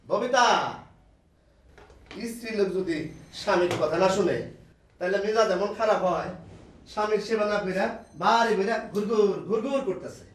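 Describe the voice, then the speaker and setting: An actor playing Sulaiman, a jealous, quarrelsome husband in a comedy TV drama who yells and teases his wife. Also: high-pitched, distant mic, close to an everyday voice. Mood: yelling. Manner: shouting, teasing, quarrelsome. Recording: roomy sound from off the mic.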